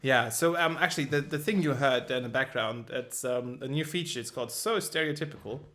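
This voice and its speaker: A man's voice: mid-range voice, brisk, a bit bright. A young man co-hosting a casual podcast chat, rambling with lots of fillers and frequent giggles. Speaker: podcast co-host.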